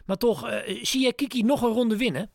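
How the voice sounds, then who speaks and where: Brief: high-pitched male presenter interviewing an analyst, hesitant with fillers. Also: dry recording, clean studio sound. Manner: questioning, halting with many "eh" fillers. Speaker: sports presenter. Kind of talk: interviewing an expert.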